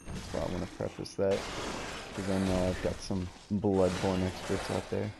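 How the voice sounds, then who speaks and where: A man's voice: low voice, flat delivery, normal speed, gravelly, noisy background. A man giving casual let's play commentary as a gaming host, with slangy, jokey asides.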